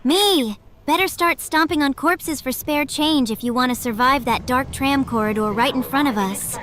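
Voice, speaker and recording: A woman voicing a gleeful, bloodthirsty female sidekick who teases and shouts a catchphrase. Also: sits high, moderate pace. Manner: bouncy, teasing, shouts a catchphrase. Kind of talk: scripted character commentary over gameplay.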